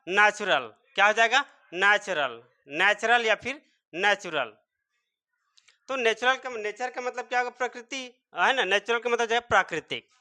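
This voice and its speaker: A man's voice: very high-pitched, sharp tone. A man teaching English spelling and pronunciation, sounding words out letter by letter and answering his own rhetorical questions. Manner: repeats rhetorical questions and answers them himself. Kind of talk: classroom-style spelling and pronunciation lesson.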